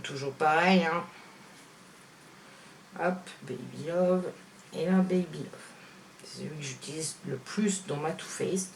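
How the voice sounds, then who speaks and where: A woman beauty vlogger comparing makeup on camera, chatting frankly with viewers and filling pauses with fillers. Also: low voice, vocal fry, slight background noise. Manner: chatty, hesitant, full of "voilà" and "hein" fillers; frank, opinionated. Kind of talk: casual product comparison vlog.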